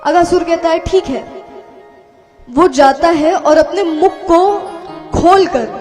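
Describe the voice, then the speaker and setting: High-voiced woman telling a devotional tale. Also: a little slow, faint music behind. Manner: lively, dramatic narration. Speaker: devotional storyteller. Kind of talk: devotional storytelling.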